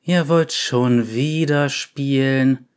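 A man's voice: medium pitch, slow pace, clear, resonant tone, lightly acted. A man doing a sulky gloomy yordle girl. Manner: sullen, curt. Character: gloomy young female yordle, sulky and dismissive.

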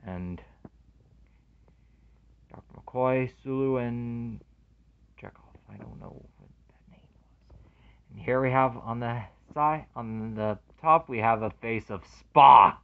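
A man unboxing a movie collection in casual commentary, earnestly excited, reading the labels aloud and calling each one very amazing. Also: lowish voice, phone-quality sound.

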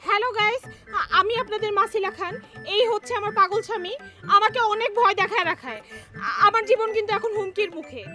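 An actress playing a sassy, mocking young wife who dreams of internet fame in a TV comedy drama. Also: female voice, extremely high pitch, fast, music in the background. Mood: vlogging. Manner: mocking and dismissive. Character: sassy scornful young wife with star ambitions.

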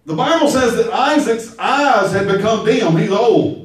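Pastor, emphatic sermon, high voice, booming echo, distant mic. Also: male voice, expressive, unhurried. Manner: emphatic, call-and-response, storytelling. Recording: very echoey hall, mic far off.

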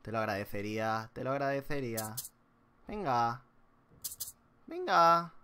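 A man's voice: mid-range voice, animated, normal speed. Jumpy spanish guy with sudden yelps. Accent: Spanish from Spain. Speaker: gameplay youtuber. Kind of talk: horror game commentary.

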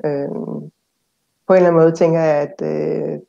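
A moderator leads a conversation about literature in a flat, gravelly, dark voice and hesitates often. The sound is dull and muffled. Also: medium pitch. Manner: hesitant, with many fillers.

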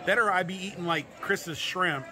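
Speaking in a high voice at a moderate pace, a travel vlogger in his forties casually describes the meal in front of him at a busy restaurant. He's chatty, laughs frequently, and repeats words, with the noise of a packed dining room behind him.

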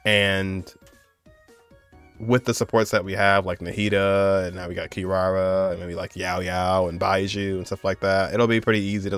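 A young man with a low-sitting, fairly bright voice hosts a gaming video, reacting to a game trailer. His commentary is casual, conversational and rambling.

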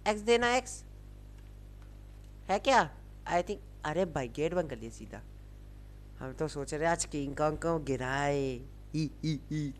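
A woman's voice: low-pitched, expressive, unhurried, pauses often. A young woman hosting a game video, teasing and bossing a friend in casual chat. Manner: teasing, bossy, playful. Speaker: gamer host.

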